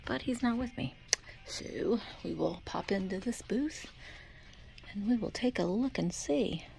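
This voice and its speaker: A middle-aged woman vlogging as she browses an antique mall, chatty and excitable, often dropping into a half-whisper. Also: mid-range voice, unhurried, creaky, a little hiss or hum. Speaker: vintage shopping vlogger. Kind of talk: shop-with-me vlog narration. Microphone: handheld phone camera.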